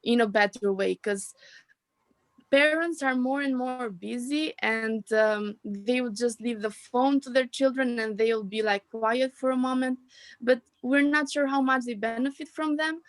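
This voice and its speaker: A woman's voice: on the high side, unhurried, dry recording, low-quality recording. A woman from Albania, chatting reflectively on a video call. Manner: reflective, soft laughs, small grammar slips. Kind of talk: casual video call chat.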